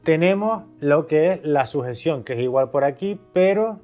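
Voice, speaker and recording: Here a product reviewer from Spain talks conversationally on his video, working through points by questioning and answering himself. His voice is a little high, expressive, and darkish in tone, at normal speed, with faint background music.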